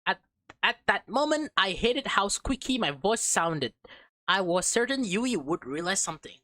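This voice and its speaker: In a let's play, a woman reads a visual novel aloud expressively, adding casual reactions and sometimes stumbling over words. Her voice is mid-range at a moderate pace, with no echo.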